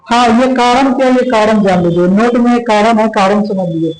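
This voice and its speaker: A man with a high voice teaches a grammar class, speaking in a roomy, echoing space. He explains step by step, keeps checking that his students are following, and stretches out each example word slowly so it can be copied down. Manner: explains patiently, often checking with "okay" and slowly drawing out example words. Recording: echoey room.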